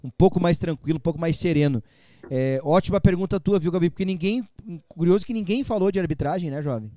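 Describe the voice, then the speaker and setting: A man's voice: fairly high pitch, fast talker, mellow, dry recording. A man hosting a live fan broadcast after a football match, chatty and opinionated. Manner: chatty, opinionated, tag questions. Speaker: fan channel host.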